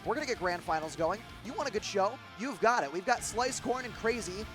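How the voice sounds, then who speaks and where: Over guitar music from the game, a young Midwestern man commentates a live gaming tournament at a brisk clip, his high-pitched voice animated. He rambles, filling gaps and starting over, and the audio quality is poor.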